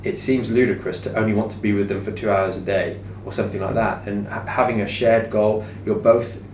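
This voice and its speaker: Talking a little fast in a slightly mellow, low-side voice with fairly even intonation, this male co-host, a business owner, lays out his views in a relaxed chat. Background noise and room echo come through the distant microphone.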